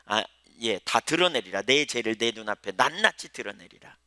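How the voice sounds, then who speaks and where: A man's voice: mid-range voice, animated, moderate pace, pushed and bright, no room sound. A male pastor preaching a sermon in a conversational way, asking his listeners questions, letting his voice swell and then drop almost to a whisper.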